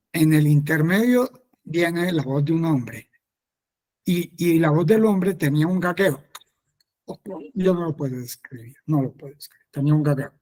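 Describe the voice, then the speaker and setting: A man's voice: a little high, mellow. A man, a friar, telling a personal testimony in a conversational catechesis, repeating phrases and often affirming himself.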